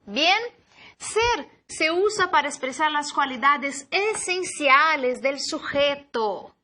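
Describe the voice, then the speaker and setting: Woman teaching vocab, high voice, takes it slow, mixes two languages. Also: sharp tone. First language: Portuguese. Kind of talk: slide-based vocabulary lesson.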